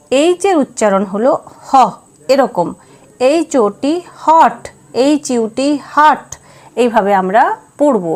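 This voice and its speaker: Woman, phonics teacher, slow and deliberate, raised pitch. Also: darkish tone. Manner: slow, spelling letters out one by one. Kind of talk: phonics lesson.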